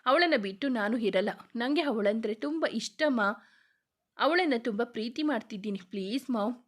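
A woman's voice: fairly high pitch, animated, moderate pace. A woman voicing an earnest young man in love. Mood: pleading. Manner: earnest, pleading.

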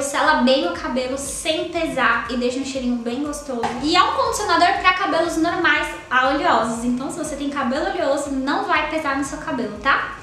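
A woman's voice: high voice, fairly bright tone. A young Brazilian woman in her twenties reviewing beauty products in a chatty, gushing way, filling her talk with little tag questions. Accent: Brazilian Portuguese. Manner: chatty, gushing, lots of fillers like "tá?" and "ó". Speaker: beauty vlogger. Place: small indoor room with a sofa. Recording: very echoey room with faint noise.

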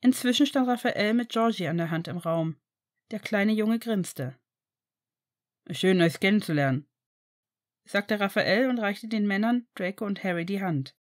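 A woman reading fan fiction aloud in an even storytelling narration. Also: medium pitch, moderate pace. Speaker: reader.

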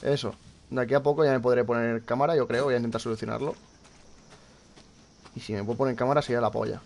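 Young man from Spain, casual gameplay streamer, gravelly voice, jumpy and cursing, a faint hiss behind him. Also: medium pitch, steady tone, quick pace, a little mellow. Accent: Spain Spanish. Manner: jumpy, swears often, talks to viewers. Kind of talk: casual live gameplay commentary.

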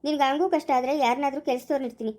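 A young husband, acted by a performer, soothes in a soft, low-key voice with a Chikkaballapura Kannada accent. He coaxes and reassures at a quick pace in a family home drama skit. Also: steady tone, natural voice. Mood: soothing.

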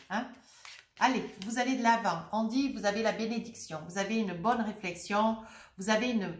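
A chatty, jovial woman reads tarot cards for her viewers while nursing a head cold. She talks casually and peppers every thought with little tags, sitting at a middling pitch. Her voice bounces around a roomy, echoey space. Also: slight background noise. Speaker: tarot reader.

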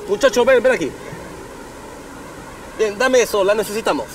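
An actor playing a cocky rebel cop in a parody of dubbed cop shows, brash and mock-casual. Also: male voice, sits high, expressive, normal speed, slight background noise, low-quality recording. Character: cocky rebel male cop bullying a delivery boy. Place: in a car on a street.

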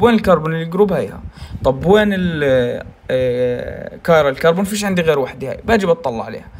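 Brisk high-voiced Levantine tutor. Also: male voice, slight background noise. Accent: Levantine Arabic. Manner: explains step by step, often checks with "okay?"; mixes English science terms into Arabic. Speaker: university tutor. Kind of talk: recorded lecture.

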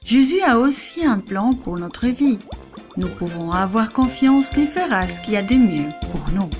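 A woman narrating a Bible story for children, unhurried and addressed straight to the young listeners. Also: a little high, big pitch swings, music in the background.

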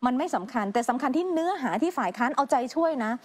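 A woman's voice: sits high, animated, very fast. A woman co-anchoring a news show, reading items and adding chatty, opinionated remarks. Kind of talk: conversational news commentary.

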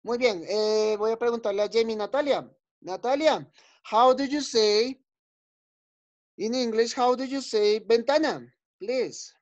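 A male schoolteacher runs a class for young kids over a video call. He speaks patiently and encouragingly, saying words over and over and pausing to check that everyone follows. The sound is dull and lo-fi, as from a laptop microphone. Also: extremely high pitch. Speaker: teacher. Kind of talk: online class for young children.

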